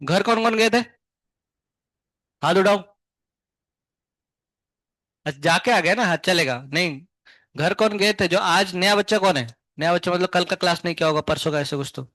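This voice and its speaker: A male physics teacher giving a live class lecture, firing quick questions at his students and explaining step by step. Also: sits high, fairly bright tone, dry recording. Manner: chatty, scolding then explaining, asks students many quick questions; hums tunes to show wave shapes.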